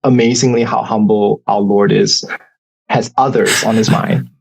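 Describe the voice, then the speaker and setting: A man from Singapore with a lowish, gravelly voice, answering questions as a guest professor. He speaks in a thoughtful, measured way, pausing on filler words as he explains ideas. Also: fairly even intonation, poor audio. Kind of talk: interview answers.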